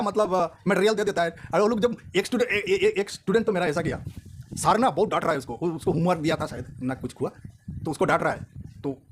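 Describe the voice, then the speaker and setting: A male accountancy tutor with a fairly high voice talks straight to his students. His delivery is lively and preachy, and he breaks off to tell a joke. Faint noise hums under the recording. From India. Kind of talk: lecture and chat to students.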